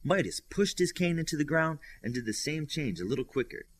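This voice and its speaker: Here a male audiobook reader tells a scripted story, giving the characters' lines a lift. He sounds a little high and animated, speaking fairly quickly in a dry recording.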